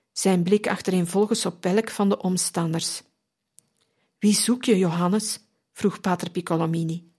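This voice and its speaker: A woman narrating a religious biography in a measured, unhurried reading. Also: on the low side, a little mellow, slightly rough.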